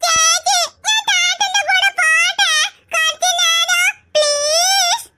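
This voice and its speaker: A woman's voice: very high voice, fairly even intonation, slow pace, bright, forceful tone, full character voice. A woman voicing a small girl in a cartoon series, who pleads in a whiny, coaxing way. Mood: pleading.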